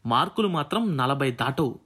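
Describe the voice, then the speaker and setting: A man's voice: medium pitch, animated, moderate pace, a bit bright, husky. A male audiobook reader voicing a stern young woman tutor, scolding with contempt. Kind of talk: audiobook character reading.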